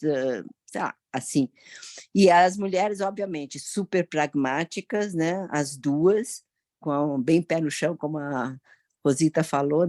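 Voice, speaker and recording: A woman sharing her views in a casual film discussion, chatty and halting. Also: low-pitched, darkish tone, no room sound, clean studio sound. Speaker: audience member.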